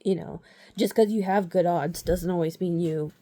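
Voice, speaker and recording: Woman, casual vlog, rambling, lots of fillers, lowish voice. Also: steady tone, moderate pace, warm tone. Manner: rambling, many fillers, frequent "like" and "you know". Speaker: vlogger. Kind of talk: casual rambling talk to camera.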